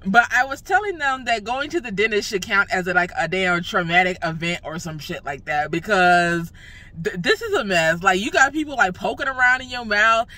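A woman's voice: medium pitch, pushed and bright. A young woman ranting casually in a vlog from her car, her speech slurred from a numb, swollen mouth after dental work, laughing at herself and swearing freely. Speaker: vlogger.

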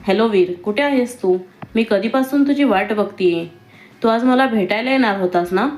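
A woman's voice: on the high side, moderate pace, darkish tone, natural voice. A woman voicing an eager, insistent young woman on a phone call in a read-aloud romance story.

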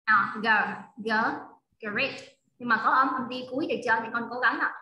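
A woman's voice: fairly high pitch, rapid-fire, sharp tone, reverberant, rough recording. A woman teaching English to a child in a one-on-one online lesson, patient and coaxing as she repeats drills. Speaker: English tutor. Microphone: video call.

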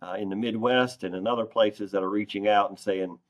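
Talking a little fast on the low side with fairly even intonation, a man who presides over a farm organization gives earnest, direct interview answers. The call is made over a computer microphone from an indoor, wood-paneled conference room.

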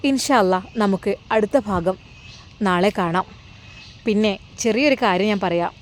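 A woman narrating a story in an earnest, gently dramatic way, outdoors in the evening. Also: medium pitch, moderate pace, slight background noise. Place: outdoors in the evening in hilly countryside. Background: faint crickets and insects.

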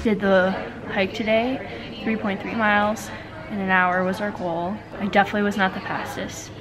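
A woman's voice: mid-range voice, level tone, moderate pace, music in the background, poor audio. A young woman vlogging outdoors at a wooded campsite with a handheld camera at arm's length, talking in a candid, chatty, self-deprecating way. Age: young adult. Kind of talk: casual vlog. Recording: outdoor camp noise, crowd behind.

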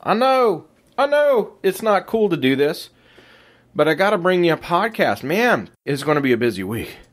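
Hoarse man with a lively voice. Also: on the high side, moderate pace. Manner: laid-back, slangy, self-deprecating. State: hoarse, raspy voice. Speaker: podcast host. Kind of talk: casual faith podcast talk.

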